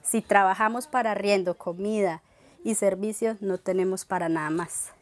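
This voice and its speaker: A woman from Colombia with a Colombian Spanish accent, a mother giving an earnest, measured interview testimony with some halting restarts. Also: medium pitch, steady tone, no room sound.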